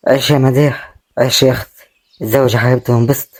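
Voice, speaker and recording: A man's voice: medium pitch, fairly even intonation, rapid-fire, natural voice. An actor with an Egyptian accent playing a proud, kind brother who has lost everything and keeps telling his sister not to worry. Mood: reassuring. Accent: Egyptian Arabic. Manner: reassuring, brushes off worry. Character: kind, proud brother left poor and homeless. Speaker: actor in a web drama.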